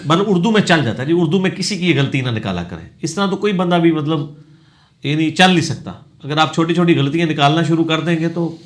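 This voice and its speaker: A man's voice: fairly high pitch, fairly bright tone. A man with a Punjabi accent, a religious scholar answering questions in a lecture, explaining and correcting word pronunciation with casual asides.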